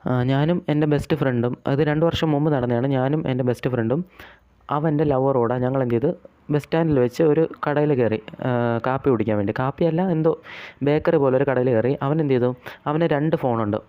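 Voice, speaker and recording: A man's voice: mid-range voice, fast, smooth, no echo, highs cut off. A man hosting a casual advice monologue to his viewers, telling a story in a chatty way and saying "okay" between points. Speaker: host.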